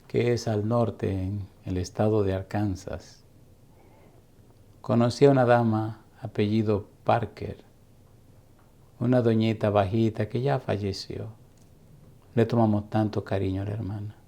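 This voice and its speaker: A middle-aged man preaching a sermon, telling a story slowly and deliberately with long dramatic pauses. His voice is low-pitched and warm, mellow rather than bright. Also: gravelly. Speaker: pastor.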